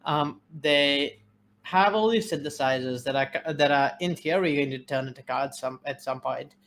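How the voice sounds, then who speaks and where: Measured man giving game analysis. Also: mid-range voice, slight background noise. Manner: measured and analytical, frequent fillers. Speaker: game caster. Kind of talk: analytical esports color commentary.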